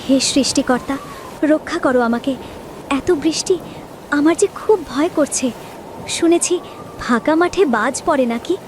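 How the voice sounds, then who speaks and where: A woman voicing a gentle, plaintive, downtrodden young village wife in a cartoon fairy tale. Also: high-pitched, measured pace, pauses often, noisy background. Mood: frightened. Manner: plaintive, tender.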